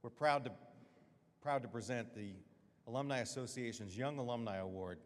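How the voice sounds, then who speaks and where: Male presenter, formal scripted introduction, middle pitch, reverberant hall. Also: normal speed. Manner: steady, scripted listing of achievements. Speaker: awards presenter. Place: large hall at an awards event.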